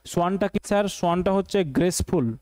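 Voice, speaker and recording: A man's voice: high voice, quick pace, darkish tone, no echo. A man with a Bengali accent teaching an exam-prep English lesson, repeating each question and answer as a drill.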